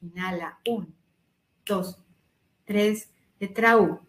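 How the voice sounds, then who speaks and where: A woman leading a voice workshop, calmly counting breaths and explaining exercises. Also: mid-range voice, takes it slowly, reverberant, a little hiss or hum. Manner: instructive, counting breaths aloud. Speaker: voice coach. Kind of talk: guided voice workshop.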